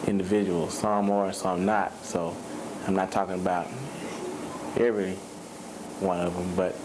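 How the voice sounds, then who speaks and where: A man's voice: sits low, little pitch movement, measured pace. A man giving a hesitant, qualifying opinion in an interview. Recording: noisy old video recording.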